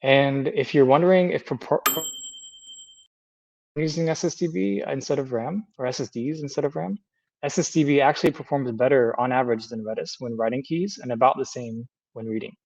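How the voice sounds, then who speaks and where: A man in his thirties giving a technical presentation over a lo-fi video call, halting, with repeated words and stumbles. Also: mid-range voice, vocal fry, darkish tone, no echo. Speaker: conference speaker. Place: indoor room, video call. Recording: dull lo-fi video call audio.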